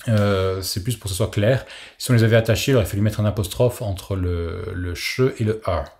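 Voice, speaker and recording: A man's voice: on the low side, fairly quick, darkish tone. A man teaching a recorded language lesson, explaining patiently and modeling pronunciations for the listener to repeat.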